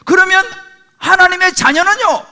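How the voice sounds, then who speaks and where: A man's voice: extremely high pitch, normal speed, pushed and bright. A middle-aged male pastor preaching a sermon with emphatic rhetorical questions, calling on the congregation for amens.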